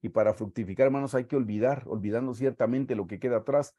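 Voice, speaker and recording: A man with a Guatemalan Spanish accent delivering a sermon. He reads scripture aloud and slows down to stress key words. His voice sits at a middle pitch, recorded dry and close. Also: dark tone, no echo, muffled recording. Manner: preaching, reading scripture aloud with slow emphatic stresses. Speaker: pastor.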